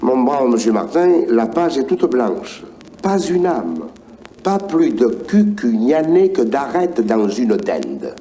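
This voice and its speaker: An actor with a Provençal accent playing a genial, obliging old male saint who keeps heaven's gate, in a high, lilting voice. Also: very animated, slow pace, mellow, slight background noise.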